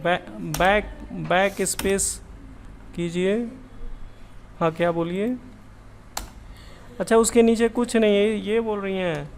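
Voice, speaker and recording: A man's voice: sits high, steady tone, takes it slowly, pauses often, slight background noise. A man teaching computer skills in a casual screen-share tutorial, chatty and thinking aloud as he corrects himself.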